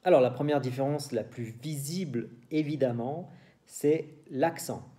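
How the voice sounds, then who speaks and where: Slow, dark-voiced French teacher. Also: male voice, medium pitch. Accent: French from France. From France. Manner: slow, explanatory, switching between French and Spanish. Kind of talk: language lesson for Spanish speakers.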